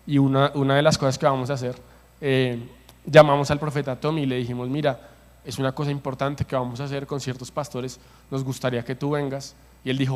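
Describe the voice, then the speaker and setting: Passionate male preacher in an echoing church hall. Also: mid-range voice. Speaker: pastor. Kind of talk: sermon. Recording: long hall reverb.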